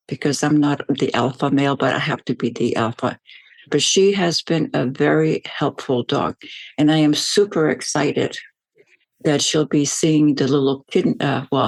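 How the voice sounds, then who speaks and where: An older woman from Belgium answers interview questions, drifting from detail to detail and leaning on fillers as she goes. Her voice has a gravelly edge. The recording is dry and close, with little room sound. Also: deep voice, no room sound. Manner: warm, rambling storytelling with fillers. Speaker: guest, veteran ambassador.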